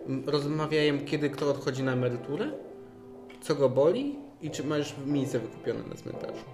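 A man's voice: on the high side, animated, moderate pace, a little mellow, roomy sound, soft background music. A man co-hosting a casual chat podcast, telling rambling stories with a giggle. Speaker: podcast co-host.

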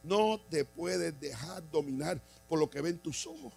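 A man preaching a sermon as a bishop, passionate, moving from hushed storytelling to shouted declarations. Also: fairly high pitch, animated, a little slow, gravelly, rough recording. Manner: impassioned, swings from quiet to shouting. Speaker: bishop and pastor.

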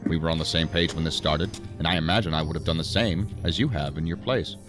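An actor playing a dry, authoritative male assistant director of a federal agency in a science fiction audio drama, speaking in a measured, formal, wry way. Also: rumbling low, music in the background. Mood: measured, firm.

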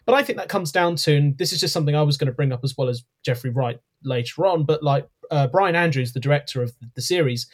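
A man's voice: on the high side, quick pace, hardly any pauses. A man co-hosting a podcast, reviewing an episode in casual chat, hesitant with many ums and self-corrections. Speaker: podcast co-host.

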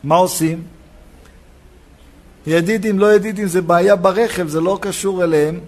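A rabbi preaching a sermon in a synagogue, telling a personal story and acting out the dialogue. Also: male voice, sits high. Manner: animated storytelling, acts out dialogue.

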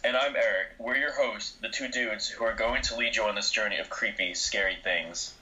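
A man's voice: fairly low pitch, steady tone, pushed and bright, highs cut off. A man from New Jersey co-hosting a podcast in casual chat, musing openly with plenty of hedges. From New Jersey, USA. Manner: quick, open-minded musing with hedges. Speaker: podcast co-host.

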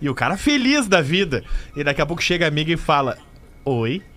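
A man's voice: a little high, sing-song, fast talker, bright, forceful tone. A man, chatting on a comedy show in an eager way and egging the others on. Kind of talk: casual comic chat.

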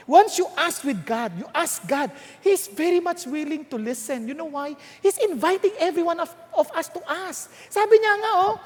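A woman delivers a sermon in a strikingly high voice. She tells stories animatedly, slipping into voices and laughing along the way. Her words ring out with a long hall reverb. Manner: lively storytelling, acts out voices, laughs often. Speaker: preacher.

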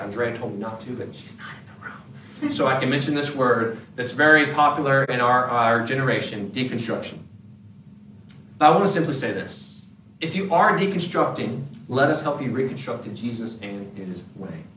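Man preaching in a roomy church. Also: medium pitch. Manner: conversational, animated preaching with acted asides. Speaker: pastor. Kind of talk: sermon. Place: church sanctuary. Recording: roomy, distant church recording with faint background noise.

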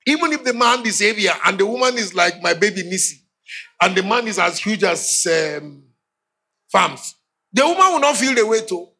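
A Nigerian pastor in middle age tells funny stories from the pulpit, laughing and acting out voices as he goes. His voice sits high and swings widely. It is bright, with a gravelly, husky edge. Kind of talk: humorous sermon storytelling.

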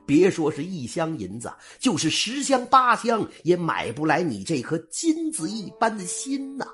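A man voicing a shrewd middle-aged innkeeper, hearty and forceful. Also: high voice, huge pitch swings, moderate pace, faint music behind, pitched above the performer's own voice, full character voice. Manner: hearty, then stern and scolding.

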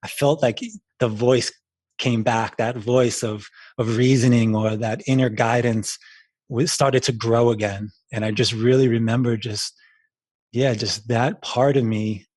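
A man with a husky, slightly breathy voice chats as a guest. He rambles and restarts his sentences, leaning on fillers. The sound is dry and close. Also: mid-range voice, darkish tone, dry recording. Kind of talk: casual chat.

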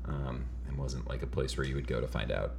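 A man's voice: a little fast, gravelly, a little hiss or hum. A man chatting casually as a podcast guest, wry and joking. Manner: wry, joking, lively swings in pitch.

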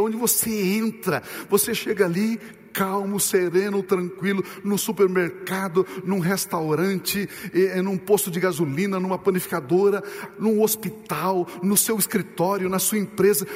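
A man preaching a sermon uses rhetorical questions on his congregation, and for emphasis he slows down and drops low. The recording carries a big-room sound.

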